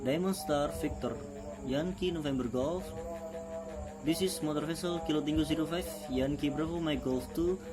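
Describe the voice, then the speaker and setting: Man acting as ship's officer on marine radio: formal, clipped procedure calls, slightly high voice, music underneath. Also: normal speed, natural voice. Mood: formal, procedural. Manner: formal, clipped radio phrases with spelled call signs.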